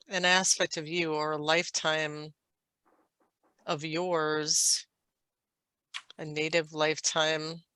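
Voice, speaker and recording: A woman channeling a calm, unhurried galactic being, speaking in a slow, halting and formal way. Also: deep voice, smooth, no echo, exaggerated voice. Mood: gentle. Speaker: trance channel. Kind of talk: channeled spiritual guidance.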